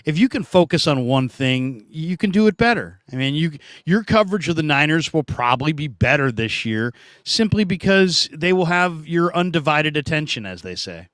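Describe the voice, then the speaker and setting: A man hosting a casual sports talk show, animated and jumping up in pitch for emphasis. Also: normal speed, no echo, clean studio sound.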